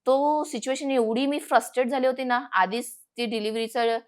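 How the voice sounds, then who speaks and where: A young woman, a podcast guest, telling a painful personal story in an earnest, halting way, repeating words for emphasis. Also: high voice, steady tone.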